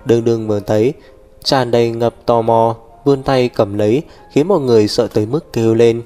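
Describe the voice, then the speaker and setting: A man narrating an audiobook story in a steady, even reading voice. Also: medium pitch, a little fast. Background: faint music.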